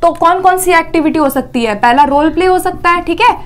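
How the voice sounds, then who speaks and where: High pitched woman teacher doing an exam prep lecture, keeps asking a question then answering it. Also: brisk. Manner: explanatory, repeats "theek hai" often.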